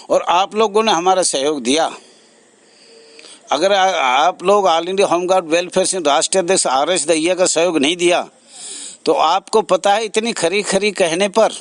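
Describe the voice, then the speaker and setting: A man speaks as president of an association, addressing his supporters directly. He is earnest but halting, repeats himself, and pauses between phrases. His voice sits on the high side and the recording is dry.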